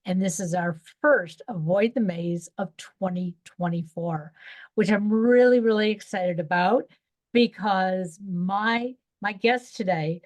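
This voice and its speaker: A woman's voice: mid-range voice, darkish tone. A woman hosting a radio podcast, introducing her guest with enthusiasm. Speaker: podcast host.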